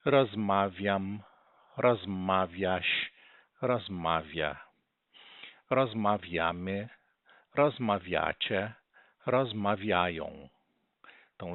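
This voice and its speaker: Male Brazilian Portuguese language teacher, patient, deliberate delivery; dry, phone-like audio. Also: lowish voice, dry recording. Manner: slow, explanatory, spells out words carefully. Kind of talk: recorded online lesson. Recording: tinny, lo-fi and dry.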